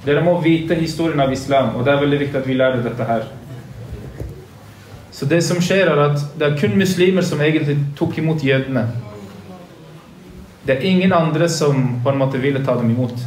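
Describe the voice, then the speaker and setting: On the high side and a little mellow, this man pauses often as he teaches a religious lesson to boys, earnest and preachy, restating points for emphasis. The setting is a large carpeted mosque room, recorded by a phone livestream far across it, so the sound echoes.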